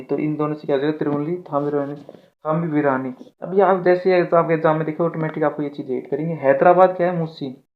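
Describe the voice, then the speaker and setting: A man teaching exam mnemonics, often asking a question and answering it himself and repeating his lines. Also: fairly high pitch. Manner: repetitive, asks and answers his own questions. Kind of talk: exam-prep mnemonic lesson. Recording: tinny phone-like audio.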